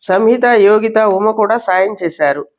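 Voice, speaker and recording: A woman storyteller reading a novel aloud with steady, expressive narration. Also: medium pitch, a little slow. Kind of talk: scripted narration.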